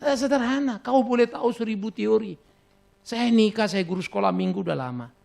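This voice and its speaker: Fairly quick and high-pitched, with a creaky, darkish tone, this middle-aged Batak-accented pastor from Indonesia delivers a sermon full of stories, jokes at his congregation's expense, and bursts of laughter.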